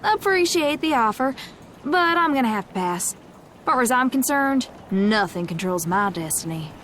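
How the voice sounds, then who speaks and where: Wary Southern gunslinger girl, animated pitch. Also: normal speed, slight background noise. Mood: guarded, blunt. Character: gruff, wary young woman gunslinger, stubborn and world-weary. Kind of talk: video game character acting.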